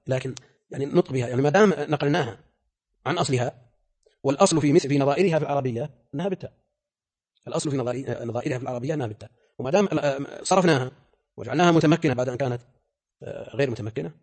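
A man's voice: mid-range voice, racing, pauses often, a little mellow, husky. An older man teaching as a scholar, explaining a classical text in a lecture, emphatic and full of rhetorical questions. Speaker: scholar teaching hadith terminology.

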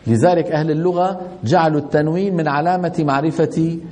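A man's voice: fairly high pitch, fast, dark tone, a little hiss or hum. A middle-aged man teaching a tajweed lesson, often putting questions to his students and answering them himself. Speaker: Quran recitation teacher.

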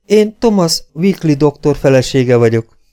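A man's voice: mid-range voice, big pitch swings, warm tone, close to an everyday voice. A male narrator voicing a young woman who answers impatiently and urgently about her husband. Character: young woman, a bandit's wife, anxious.

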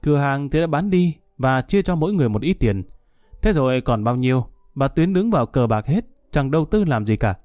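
A man reading a calm low-key audiobook story. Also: dry recording, clean studio sound, soft background music. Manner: calm steady storytelling, quicker in dialogue. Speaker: narrator. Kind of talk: audiobook narration.

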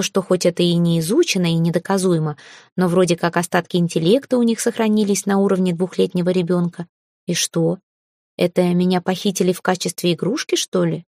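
A woman reading a first-person fantasy audiobook, lively, voicing the heroine's grumbling asides. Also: on the low side, vocal fry, dry recording, clean studio sound. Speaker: audiobook narrator.

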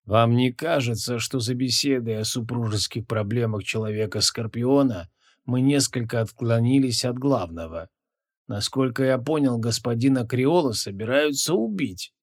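A man voicing an ingratiating four-armed male demon servant in an audiobook, speaking softly and insinuatingly. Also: medium pitch, normal speed, lightly acted. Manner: insinuating, soft-spoken.

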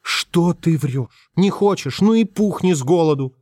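A man's voice: a little high, animated, a little slow, darkish tone, no echo, studio quality, pitched above the performer's own voice. Man doing a fussing short-tempered mother. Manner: doting, then scolding.

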